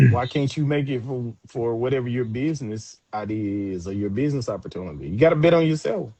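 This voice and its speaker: A man with a mellow, dark-toned voice hosts a casual chat. He makes his points emphatically and encouragingly, in a dry sound with little room around it. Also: medium pitch, expressive, brisk, no echo. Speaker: live show host.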